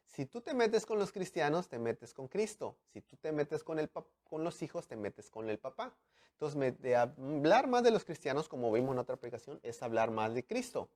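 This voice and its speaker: A man, preaching a sermon in an animated way, acting out dialogue and swinging from loud to hushed. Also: on the high side. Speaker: pastor.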